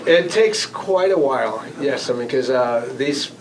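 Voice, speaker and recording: An expressive, average-pitched man, a former air traffic control manager, is the guest speaker at a club meeting. His informal presentation with audience questions is halting and conversational, full of rephrasing and repeated words, and the distant mic picks up a noisy room.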